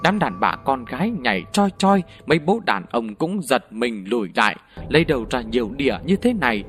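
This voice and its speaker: Animated male ghost-story narrator. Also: medium pitch, brisk, faint music behind. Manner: animated, vivid.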